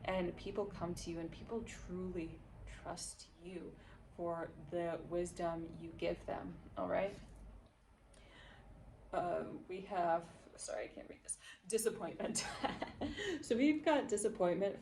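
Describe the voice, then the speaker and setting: A woman with a low, gravelly voice reads tarot cards for her viewers. She is gentle and encouraging and keeps checking in with them. She sits a little far from the mic, with a faint hum of noise in the background. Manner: gentle, encouraging, checks in with "okay?" and "all right?". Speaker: tarot reader. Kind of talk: intuitive card reading for viewers.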